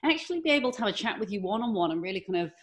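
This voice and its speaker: A woman's voice: mid-range voice, big pitch swings, rapid-fire. A woman hosting an interview podcast, opening with a scripted welcome and asking long, rambling questions full of "you know" and restarts. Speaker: podcast host.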